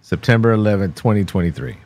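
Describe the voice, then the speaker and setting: A man's voice: lowish voice, fast talker, darkish tone. A man from Texas, co-hosting a podcast in rambling, jokey casual chat, often restarting mid-sentence. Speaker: podcast co-host.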